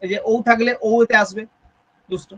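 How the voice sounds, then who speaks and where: With a steady, fairly bright, high-sitting voice at a moderate pace, a Bengali-accented man tutors students in Sanskrit grammar for exams. He works through it step by step, often pausing to ask questions. The audio is lo-fi.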